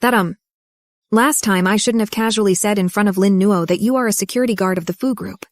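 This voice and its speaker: A woman's voice: medium pitch, a little fast, no echo, close to an everyday voice. A woman dubbing a defiant young heroine who answers her family with cutting remarks, recorded dry in a studio. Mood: apologetic. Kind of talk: English drama dub.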